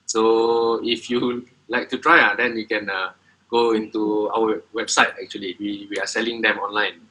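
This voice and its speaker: Hesitant man with a bright voice. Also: fairly low pitch, flat delivery, rough recording. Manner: hesitant, many filler sounds, halting phrasing. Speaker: coffee business owner presenting. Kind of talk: presentation and Q&A answers.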